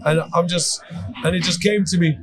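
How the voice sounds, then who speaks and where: A man's voice: sits high, steady tone, normal speed, fairly bright tone. A man being interviewed as a musician, telling stories casually in slang and repeating phrases for emphasis. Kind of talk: casual animated interview storytelling.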